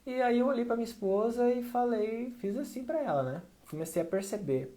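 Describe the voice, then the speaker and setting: A man's voice: very high voice, lively intonation, brisk, dark tone. A man talking straight to camera as a parenting educator, conversational and often checking in with short tag questions. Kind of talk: direct-to-camera advice talk.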